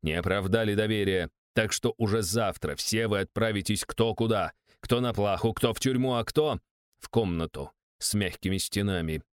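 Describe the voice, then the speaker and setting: A man's voice: lowish voice, normal speed, smooth, no echo, lightly acted. A man voicing a contemptuous, bullying older male secret police official. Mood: menacing.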